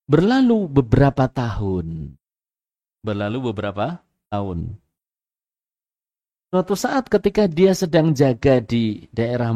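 A man, an ustadz giving a sermon in a mosque, halting and repeating himself, acting out the voices in his story. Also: mellow, muffled recording. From Indonesia. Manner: halting, repeats words, acts out voices in the story with rising pitch.

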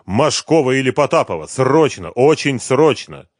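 A man's voice: fairly low pitch, a little slow, no echo, clean studio sound, natural voice. A man voicing a driven male agent who barks clipped, urgent orders.

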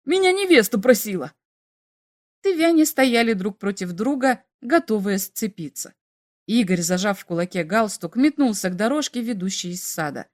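A woman narrating a story aloud in a lively, animated way. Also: medium pitch, moderate pace. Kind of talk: expressive storytelling.

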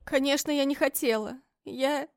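A woman's voice: high-pitched, moderate pace, no echo, studio quality. A woman voicing a terrified, injured young wife in an audiobook, pleading in a shaky, tearful way. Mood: frightened. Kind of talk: audiobook character reading.

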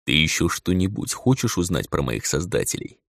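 A man's voice: low voice, very animated, moderate pace, gravelly, fairly bright tone, dry recording, exaggerated voice. Guy reading cranky old wolf god, growly and curt, dry close sound. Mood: cold. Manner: brusque, growling reproach.

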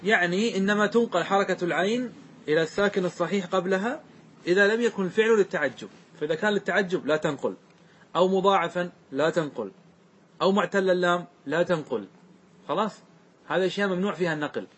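A man teaching a classroom grammar lesson, slowly repeating word forms and often checking that his students follow. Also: sits high, a bit bright, slightly rough. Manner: asks students frequent check questions; repeats words slowly to show their forms.

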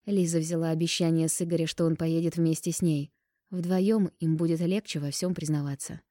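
A woman reads a novel aloud in a calm, even narration. Her voice sits low with a warm, mellow tone, and the sound is close and dry. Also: fairly quick, no room sound. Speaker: audiobook narrator. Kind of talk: scripted narration of a romance novel.

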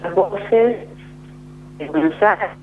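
An Argentine woman speaking haltingly in a radio phone interview, her call cutting in and out. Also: medium pitch, a little mellow, a little hiss or hum. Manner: halting, with many pauses and fillers. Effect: call breaking up over a phone line. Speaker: local activist interviewed by phone.

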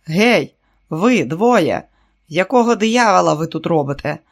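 A male audiobook reader voicing an armed guard shouting commands. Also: sits high, fairly even intonation, moderate pace. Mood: commanding.

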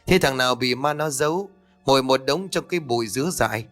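A man voicing a stern old village exorcist who talks in a gruff, commanding way in a narrated horror story. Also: mid-range voice, a little fast, a bit bright, faint music behind, natural voice.

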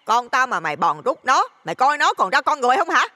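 A man voicing a shrill, brawling middle-aged mother who shouts insults, with a Southern Vietnamese accent. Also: very animated, fast, long reverb tail, heavily acted. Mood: furious.

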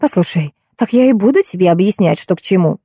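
A woman's voice: medium pitch, lively intonation, quick pace, mellow, slightly rough, dry recording, studio quality. A woman reading an audiobook, voicing a capricious aging stage actress with an imperious, scolding manner. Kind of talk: audiobook character voice.

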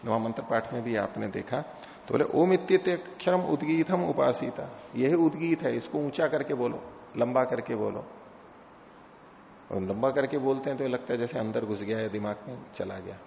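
A man with a gravelly, creaky voice teaches scripture, explaining patiently and asking rhetorical questions. He chants Sanskrit verses now and then. The sound is dull and lo-fi, with the long ring of a large hall. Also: medium pitch, darkish tone, slight background noise. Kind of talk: scripture lecture.

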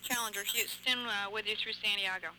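Female capsule communicator, rapid and businesslike, on a noisy space radio link with beeps. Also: mid-range voice, steady tone, bright, forceful tone. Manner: brisk, businesslike. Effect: two-way radio. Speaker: mission control capsule communicator.

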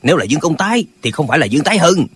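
A man voicing a band of quarrelsome, pedantic old martial-arts brothers in an audiobook, with a husky voice. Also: on the high side, very animated, very fast. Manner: bickering, pedantic, squabbling.

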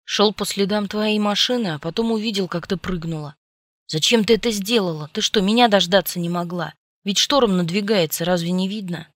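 A woman's voice: medium pitch, steady tone, a little fast, hardly any pauses, no room sound, studio quality, close to an everyday voice. A woman reading the part of a worried, protective young man who speaks urgently and pleads. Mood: scolding. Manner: urgent, pleading, then scolding.

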